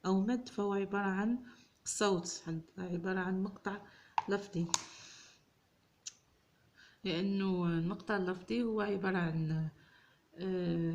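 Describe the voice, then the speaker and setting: A woman giving a tutorial lesson as a teacher, sounding out French syllables slowly and clearly. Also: mid-range voice, darkish tone, slight background noise.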